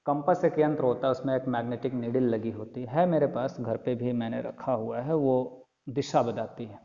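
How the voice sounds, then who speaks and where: Mellow-voiced male teacher in an echoey room. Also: mid-range voice. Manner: reads the English text aloud very slowly, then explains it in detail. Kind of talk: classroom lecture explaining an English textbook chapter in Hindi. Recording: lo-fi recording with long echo.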